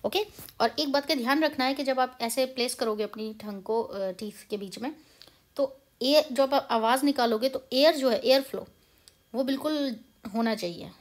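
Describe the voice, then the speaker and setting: A young Indian woman with an Indian English accent and a slightly high voice teaches pronunciation in a casual, chatty way. She mixes Hindi and English and explains each step patiently. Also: normal speed. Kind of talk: casual spoken lesson.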